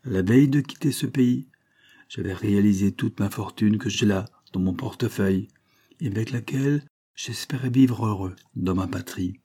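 A man reading the part of a cold, vengeful middle-aged doctor who speaks with calm, implacable menace. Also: on the low side, moderate pace, breathy edge. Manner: calm, implacable, solemn threats.

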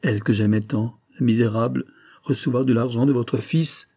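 A man's voice: mid-range voice, steady tone, normal speed, mellow, no echo, natural voice. A man doing a heartbroken secretary with a broken voice. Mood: broken, bitter. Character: heartbroken male secretary, middle-aged, shattered.

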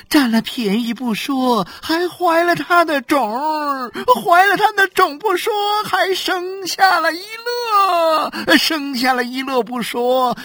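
A shrill wailing mother. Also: pushed and bright, no echo, exaggerated voice. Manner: sobbing, drawn-out lament. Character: wailing wronged mother, shrill and self-pitying. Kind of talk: audiobook character voice.

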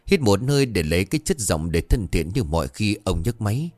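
A man narrating a horror story in an expressive, dramatic storytelling manner. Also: on the low side, brisk, no echo, soft background music.

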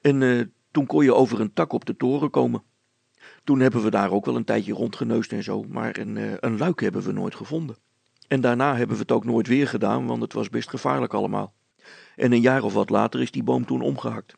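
A man's voice: mid-range voice, steady tone, a little fast, gravelly, a little mellow, husky, no echo. A man reading aloud as a plain-spoken man who recalls his boyhood in a rambling, hesitant way. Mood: reminiscing. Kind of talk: audiobook dialogue reading.

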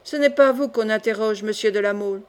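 A woman's voice: medium pitch, a little fast, darkish tone, natural voice. A woman reading the part of a stern male presiding judge in an audiobook, commanding and curt.

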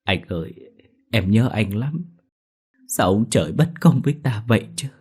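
A man's voice: lowish voice, expressive, moderate pace, a little mellow, husky, pitched above the performer's own voice. A man voicing a young widow sobbing for her dead husband in a ghost story. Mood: anguished.

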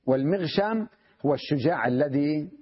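A man's voice: fairly high pitch, lively intonation, moderate pace, breathy edge. A man, a sheikh, teaching Arabic grammar in a lecture, reading lines from a text and explaining them step by step while often asking if students follow. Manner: checks understanding with frequent rhetorical questions; reads a line from the text, then explains it step by step. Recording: dull lo-fi recording.

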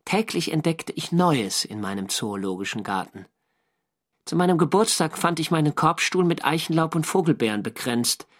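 In this radio drama, a male actor voices a diarist serving in the navy during the First World War. His slightly high, expressive voice narrates with measured, matter-of-fact literary restraint.

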